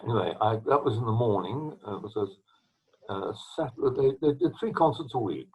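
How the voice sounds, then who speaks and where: An older man from England, a retired trombonist, telling long rambling stories from his career with restarts and throat-clearing, speaking from home over a video call. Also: medium pitch, expressive, moderate pace, a little mellow. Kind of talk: storytelling interview. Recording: tinny video call line.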